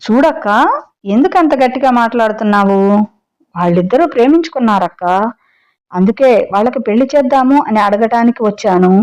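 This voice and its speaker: Woman reading a gentle pleading father. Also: fairly high pitch, expressive, fairly quick, close to an everyday voice, rough recording. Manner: stammering, pleading. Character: gentle hesitant father pleading for his daughter.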